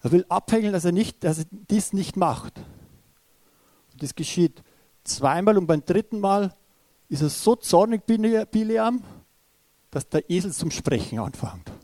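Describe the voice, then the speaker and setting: A man preaching in a fairly high voice, recorded dry and close with almost no room sound. He hesitates and restarts often, filling gaps with small sounds. He also turns to his listeners and speaks to them directly and urgently. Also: lively intonation, measured pace, pauses often, warm tone, no echo. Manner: retells a story, often restarting with hesitant fillers. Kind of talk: sermon.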